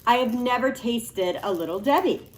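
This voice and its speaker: A woman's voice: on the high side, animated, moderate pace. Chatty woman host in an echoey room. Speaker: cooking show host. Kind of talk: casual video presenting. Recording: echoey room with faint background noise.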